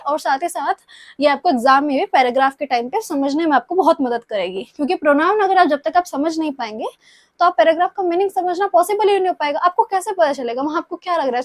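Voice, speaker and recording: A woman's voice: sits high, no room sound, studio quality. A young woman with a sore throat, patiently explaining Spanish grammar for exam students and often checking in with her listeners. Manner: patient, repeats points, checks in with "ठीक है?". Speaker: Spanish tutor.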